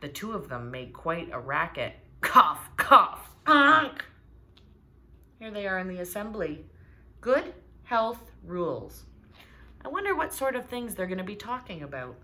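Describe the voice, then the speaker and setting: A woman's voice: lowish voice, normal speed. A woman reading a children's storybook aloud and asking her young listeners questions along the way. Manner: animated, asks listeners questions. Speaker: storybook reader.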